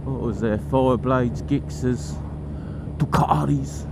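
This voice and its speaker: Man chatting over loud road noise. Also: medium pitch, takes it slowly, creaky. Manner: musing, chatty, colloquial. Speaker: motorcycle vlogger. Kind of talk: casual rambling commentary while riding. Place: outdoors on a moving motorcycle. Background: engine, traffic and road noise.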